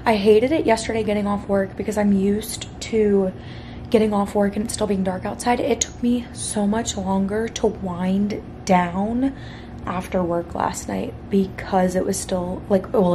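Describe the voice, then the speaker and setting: A woman's voice: mid-range voice, steady tone, a little slow, noisy background. A young adult woman vlogging from home in a rambling casual chat, often saying "like". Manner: chatty and rambling, fond of saying "like".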